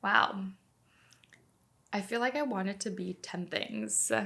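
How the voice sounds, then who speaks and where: Speaking slowly in a creaky, mid-range voice, this woman in her thirties makes casual conversation as a podcast guest. She grew up in Canada as a native Slovak speaker and keeps things relaxed, with many filler words such as "like."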